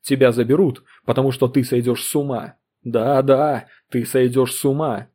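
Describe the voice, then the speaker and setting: A man voicing a bitter older historian in an audiobook reading, speaking slowly and cuttingly with harsh contempt. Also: lively intonation, warm tone, husky. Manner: low, slow, cutting, then furious.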